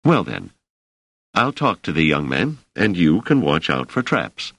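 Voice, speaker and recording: A man's voice: low-pitched, very animated, creaky, a bit bright, breathy edge, no room sound, exaggerated voice. A man reading a mild, curious scholar. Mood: measured. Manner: measured, mildly wry. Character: curious middle-aged male scholar, mild, polite.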